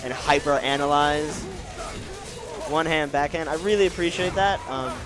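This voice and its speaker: During a fighting game event stream, a man reads viewer questions aloud and answers them in a casual commentary style. His voice is nasal, deliberately kept lower than usual, and he speaks at a normal speed with a steady tone.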